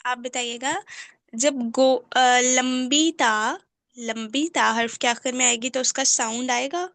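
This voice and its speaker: A female class assistant with a Pakistani Urdu accent and a fairly high voice, recorded close and dry. She calls on students by name, puts short questions to them and sums up the rules for their notes. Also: fairly even intonation, creaky, fairly bright tone, no echo.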